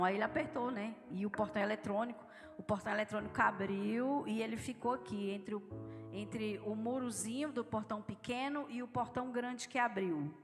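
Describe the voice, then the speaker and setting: A woman pastor from Brazil preaching a live sermon in church, telling stories in an earnest way and speaking straight to the congregation. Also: fairly high pitch. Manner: storytelling, earnest, addresses the congregation directly. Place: large church hall with live audience. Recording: echoey church hall, soft background music.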